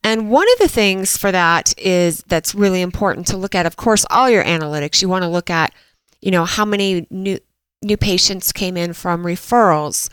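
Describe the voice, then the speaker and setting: A woman's voice: on the low side, moderate pace, fairly bright tone, clean tone, dry recording, poor audio. A woman hosting a dental marketing podcast in a chatty way, a little stuffy from allergies, with frequent fillers and restarts. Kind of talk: casual podcast talk.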